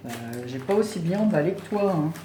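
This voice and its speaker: A woman's voice: deep voice, expressive, a little fast, noisy background. Effusive woman in a roomy home. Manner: effusive, exclaiming with delight, many fillers. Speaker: vlogger unboxing gifts. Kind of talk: casual unboxing chat. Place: home room.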